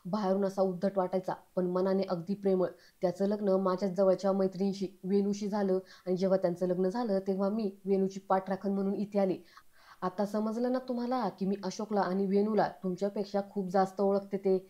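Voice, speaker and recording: Blunt teasing lady friend, woman reading her, warm dark tone, flat. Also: mid-range voice, brisk, lightly acted. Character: brisk outspoken woman, old family friend.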